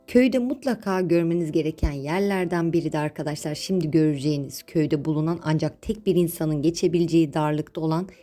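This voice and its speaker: A woman's voice: sits low, quick pace, few pauses, dark tone, faint music behind. A woman narrating a scripted travel vlog, informative and addressing viewers directly as friends.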